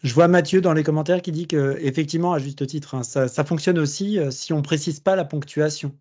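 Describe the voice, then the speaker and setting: A man's voice: a little high, a little fast, darkish tone. Man co-hosting a webinar, relaying comments. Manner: brief affirming interjections, relays comments. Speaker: webinar co-host. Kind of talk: live webinar chat.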